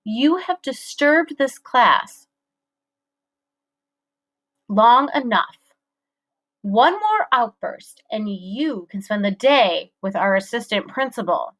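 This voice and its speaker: A woman's voice: on the high side, animated, takes it slowly, pauses often, pitched above the performer's own voice. A woman reading an audiobook voices a stern older female schoolteacher who scolds firmly. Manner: firm, scolding.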